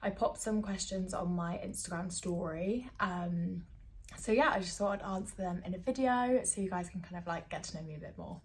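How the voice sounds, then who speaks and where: A woman's voice: lowish voice, moderate pace. A woman, chatting casually to her phone camera at home with plenty of fillers and giggles. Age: 20s. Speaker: vlogger.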